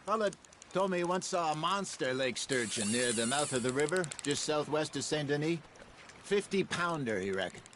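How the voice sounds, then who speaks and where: A jovial old-west outlaw from a story-driven game, as a man voices him, spinning tall tales by the water. The voice sits a little high and swoops widely with each punchline, folksy and teasing. Faint outdoor hush lies behind him. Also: expressive, normal speed, noisy background, close to an everyday voice. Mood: amused. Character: genial older frontier outlaw, jokey storyteller. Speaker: gang member on a fishing trip.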